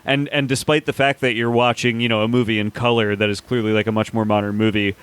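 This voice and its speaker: A man's voice: on the low side, flat delivery, fast talker, fairly bright tone, clear, resonant tone. A man hosting a horror film podcast, chatting casually and enthusiastically with frequent restarts and casual swearing. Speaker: podcast host.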